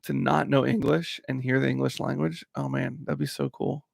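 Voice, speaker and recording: A man's voice: mid-range voice, lively intonation, normal speed, creaky, no echo, studio quality. A man, co-hosting a podcast, recapping a movie with wry questions and teasing asides. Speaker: podcast co-host. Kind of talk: casual movie-recap chat. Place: small warm room, under a heater.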